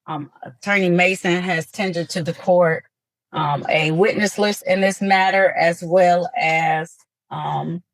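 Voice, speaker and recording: A judge presiding over a hearing, heard on a courtroom recording with a dry, close sound and no room echo. The delivery is formal and procedural, often pausing on an um. The pitch sits at a middle level. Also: a bit bright. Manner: formal and procedural with frequent ums.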